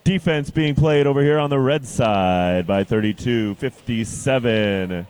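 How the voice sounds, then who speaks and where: A man's voice: mid-range voice, darkish tone, clear, resonant tone. A man announcing a live competition like a fighting game announcer, with emphatic calls and play-by-play commentary. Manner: drawn-out, emphatic team-name calls.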